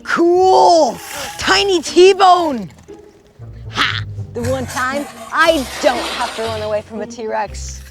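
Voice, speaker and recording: A woman playing an excitable park ranger sidekick in a children's adventure skit, animated and dramatic. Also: fairly high pitch, measured pace. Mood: anxious, excited. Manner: animated, dramatic, talking to self. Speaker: children's show performer. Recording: music behind the voice.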